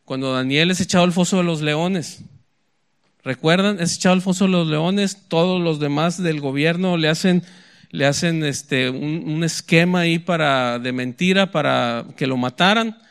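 A man preaching a sermon in a conversational way, often tagging lines with "¿verdad?" and slowing down to read scripture aloud. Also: a little high, clean tone. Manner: conversational, frequent "¿verdad?" asides; slows for dramatic scripture quotes.

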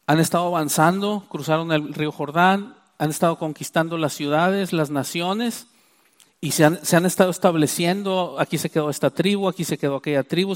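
A man preaching a sermon, explaining scripture emphatically and drawing out key words. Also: fairly high pitch. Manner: emphatic, stresses key phrases with slow drawn-out words; repeats and restarts while explaining.

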